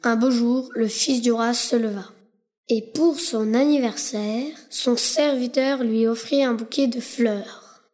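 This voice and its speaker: A woman narrating a children's story with slow, careful reading. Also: on the high side, steady tone, darkish tone.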